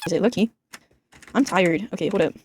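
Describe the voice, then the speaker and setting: A teenage girl, a gaming YouTuber, rambling casually over her gameplay at home in a deliberately flat, monotone voice, filling her talk with "like.". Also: mid-range voice, a little hiss or hum. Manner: rambling, flat monotone delivery, says "like" constantly.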